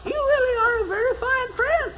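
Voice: extremely high pitch, normal speed. A performer voicing a naive, timid, stammering little gingerbread man in an old children's radio drama. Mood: trusting, nervous. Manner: stammering, anxious. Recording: very noisy, echoing old lo-fi radio transcription.

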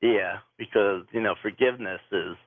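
A man's voice: on the low side, moderate pace, dry recording. A man calling in to a radio show, talking in a casual, easygoing, slightly hesitant way. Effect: phone line into a radio show. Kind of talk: casual call-in chat. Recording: tinny phone line.

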